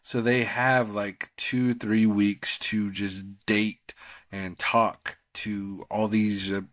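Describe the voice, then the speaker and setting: A man's voice: fairly low pitch, fairly bright tone, no echo. A man co-hosting a podcast, talking casually about TV shows in a rambling, slangy, conversational way. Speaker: podcast co-host.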